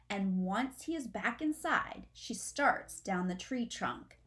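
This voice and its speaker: A middle-aged woman with a fairly high, fairly bright voice reads a children's story aloud with teacherly expression. She's indoors in a small furnished room at home.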